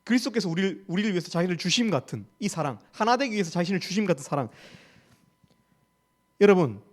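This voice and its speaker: Gyeongsang-accented male preacher, high voice, emphatic, lots of rhetorical questions. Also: expressive, fast talker. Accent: Gyeongsang Korean. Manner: emphatic, rhetorical questions, repeats key phrases. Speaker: campus ministry staff preacher. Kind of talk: sermon.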